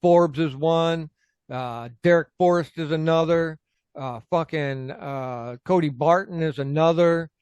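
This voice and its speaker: A man's voice: a little high, unhurried, darkish tone, clean tone, no echo. A man co-hosting a casual sports podcast, swearing freely and venting as a frustrated fan. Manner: profane, heated, fan ranting. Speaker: co-host.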